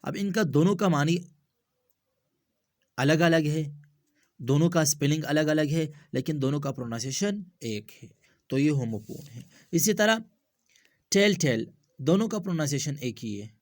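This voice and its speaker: A man teaching English homophones in a slow, repetitive explanatory lesson, spelling words out letter by letter and mixing English terms into Hindustani with Urdu vocabulary. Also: fairly high pitch, animated, dry recording, studio quality.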